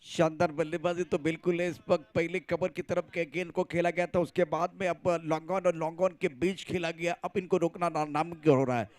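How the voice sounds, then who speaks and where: A man's voice: a little high, fairly even intonation, brisk, few pauses. A man giving cricket commentary as an analyst, talking through the play with emphatic, admiring remarks.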